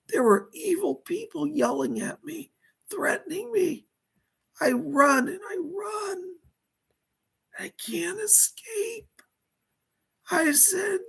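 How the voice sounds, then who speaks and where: Speaking as a seance medium in a trance, a woman gives voice to a dead mobster's remorseful, frightened confession in the first person. Her fairly high, exaggerated voice is husky, breathy and creaky, halting and anguished, and it drifts into whispers.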